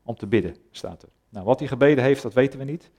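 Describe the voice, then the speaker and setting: A man delivers a sermon in an easy, conversational way. He pauses often and searches for words. His voice sits at an ordinary middle pitch. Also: mellow. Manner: conversational, hesitant with many fillers. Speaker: preacher. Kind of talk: sermon with Bible reading.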